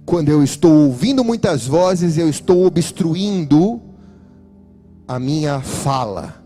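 Animated Brazilian pastor preaching fervently. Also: male voice, on the high side, slow pace, soft background music. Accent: Brazilian Portuguese. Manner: emphatic, preachy, addresses the congregation directly. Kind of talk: fiery church sermon.

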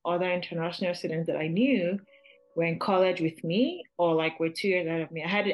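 Lively, laughing woman guest. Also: fairly low pitch, poor audio. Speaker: guest, chemical engineer. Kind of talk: interview answers.

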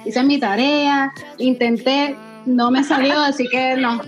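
A woman with a Venezuelan accent, co-hosting a podcast and chatting in quick bursts over a video call. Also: high-pitched, fairly even intonation, soft background music. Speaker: podcast co-host. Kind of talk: casual chat over a call.

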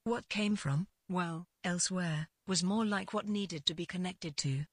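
Reading literary fiction as its narrator, a woman speaks in a slightly low, husky voice with measured, scripted delivery. The recording is dry and close, with no room sound.

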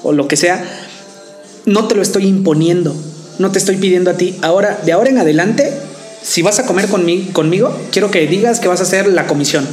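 A man's voice: high voice, brisk. A man in casual debate chat, co-hosting a podcast, hesitating and repeating words as he argues. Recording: roomy echo with faint music.

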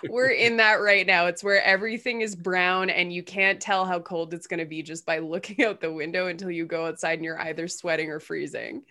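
A woman's voice: fairly low pitch, fairly even intonation, brisk, few pauses, bright, forceful tone. A woman from Alberta co-hosting a podcast, blunt and emphatic, swearing in casual chat. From Alberta, Canada. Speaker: podcast co-host.

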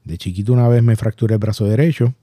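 A Puerto Rican man with a Puerto Rican Spanish accent, hosting a podcast and recounting a personal story in a halting, reflective way. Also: on the low side, mellow, dry recording. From Puerto Rico. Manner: halting, reflective, many restarts and fillers. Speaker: podcast host.

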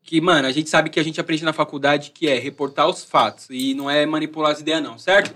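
Male host, São Paulo accent, rapid and forceful, chatting in thick street slang. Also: on the high side, steady tone. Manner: heavy urban street slang. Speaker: host and journalist. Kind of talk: casual slangy interview chat.

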